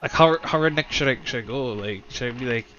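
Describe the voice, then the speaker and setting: A man's voice: medium pitch, fast talker, dull audio, crowd noise. A man in casual podcast chat, hesitant and often restarting his sentences.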